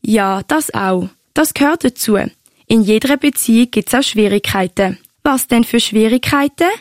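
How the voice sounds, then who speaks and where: A woman's voice: on the high side, moderate pace, no echo, clean studio sound, lightly acted. A woman voicing a fond, chatty grandmother who tells her story in a Swiss German accent. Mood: reflective. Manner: fond, storytelling, a bit bashful. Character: warm chatty Swiss grandmother recalling romance. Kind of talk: amateur audio drama.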